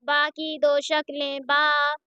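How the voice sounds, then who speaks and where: A woman's voice: high voice, completely flat delivery, slow pace, no echo, lo-fi sound. A woman teaching a Quran reading lesson, patiently reciting letters one by one and explaining how each is pronounced.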